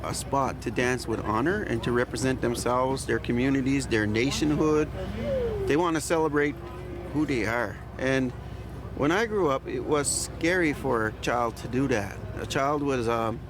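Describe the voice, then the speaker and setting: A man with a medium-pitched voice speaks reflectively in a documentary interview. He is thoughtful, building each point through short phrases that he repeats. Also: moderate pace, background noise.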